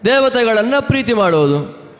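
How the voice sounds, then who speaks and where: High-voiced man lecturing in a reverberant hall. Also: very animated. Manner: storytelling, rhetorical questions, quoting verses slowly. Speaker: religious scholar giving a scripture discourse. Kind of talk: devotional discourse with chanted verses. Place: large temple hall.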